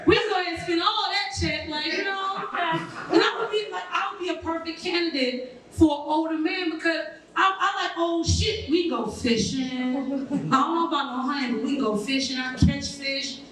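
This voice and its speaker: A woman's voice: very high-pitched, moderate pace, a bit bright. A woman in her thirties doing a brash, profane stand-up set, teasing the audience. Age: 30s. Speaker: stand-up comedian. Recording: echoey room, mic far off.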